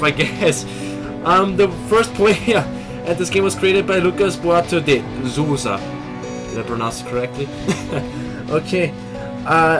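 A young adult man from Austria hosts a let's play, giving energetic, reactive gaming commentary into a headset mic from a small room at his computer. His voice is fairly high-pitched, and he's excitable, swearing and laughing quickly while reading game text aloud.

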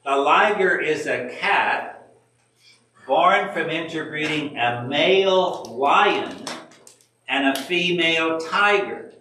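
A man leads a church class in a slow, deliberate teaching voice with a bright, forceful edge. He sits at some distance from the mic in a very echoey room. Faint background noise runs under his words. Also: on the high side. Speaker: Bible study leader.

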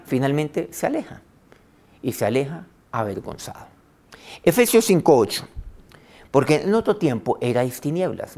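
A man preaching a sermon, reading scripture aloud with emphasis, slowing on key phrases and letting line ends trail off softly. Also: medium pitch. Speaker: pastor.

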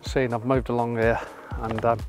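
A middle-aged man on a beach, talking casually about his landscape photography, enthusiastic and sometimes dropping to a soft hush. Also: mid-range voice, little pitch movement, moderate pace, soft background music. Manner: enthusiastic, drifting to soft hushed remarks. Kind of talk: casual vlog narration. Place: open sandy beach outdoors at sunset.

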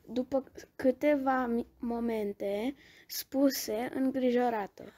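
A woman reading a bedtime story aloud, gentle and expressive, with small restarts. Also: on the high side.

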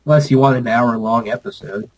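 A man's voice: mid-range voice, brisk, slight background noise, low-quality recording. A young man chatting casually and bluntly while gaming over a call, teasing and swearing.

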